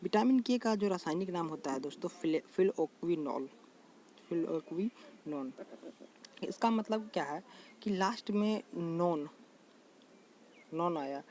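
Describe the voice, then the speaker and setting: A man's voice: sits high, lively intonation, darkish tone. A man explaining a general knowledge lesson in a casual, repetitive way, often calling out to his viewers as friends. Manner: addresses viewers as friends, repeats terms slowly. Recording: faint background noise.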